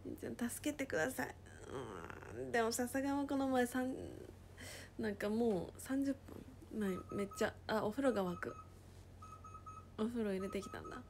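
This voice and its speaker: A woman casually chatting on a livestream, reading viewer comments aloud and often dropping into a soft whisper. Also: on the high side, normal speed, long pauses, a little hiss or hum. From Japan.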